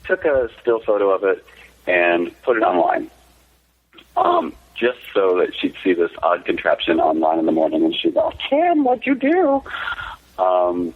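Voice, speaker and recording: A man's voice: sits low, moderate pace, husky. A man, a company founder, telling candid, rambling anecdotes in a casual interview over the phone. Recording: tinny phone line.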